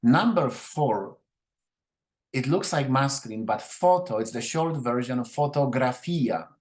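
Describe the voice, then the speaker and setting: A man's voice: medium pitch, animated, measured pace. A man teaching Italian grammar to a class in English, patiently explaining and repeating noun forms and checking in with his students. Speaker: language teacher.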